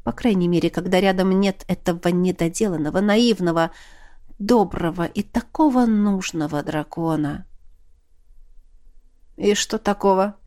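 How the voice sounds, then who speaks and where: A woman reading a novel aloud in a measured, expressive narration. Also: on the low side. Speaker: audiobook reader. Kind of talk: scripted narration.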